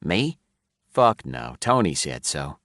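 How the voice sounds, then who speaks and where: A man reads a blunt, scoffing grown man in an audiobook, a friend who brushes things off in short, curt phrases. The voice sits very low. It is recorded close and dry. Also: very animated, takes it slowly, fairly bright tone, no room sound, full character voice. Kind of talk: audiobook character voice.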